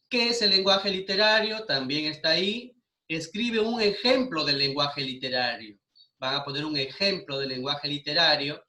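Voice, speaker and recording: Man, Peruvian Spanish accent, schoolteacher, very bright voice, echoey room. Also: a little high. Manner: patient, asks the class questions and repeats answers. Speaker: primary school teacher. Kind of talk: online class lesson.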